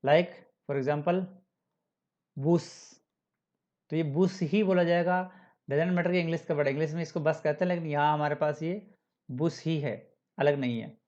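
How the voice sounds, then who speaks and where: A man's voice: a little high, a little mellow. Man teaching German letters, dull sound. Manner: spells out letters slowly and repeats example words; mixes English words into his explanations. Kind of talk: classroom-style alphabet lesson.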